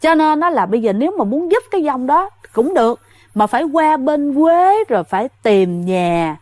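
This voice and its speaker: A woman's voice: high voice, big pitch swings, moderate pace, a little mellow, dry recording. A woman telling a ghost story in a casual, chatty way, often speaking to her listeners directly. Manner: chatty, addresses listeners directly, many fillers.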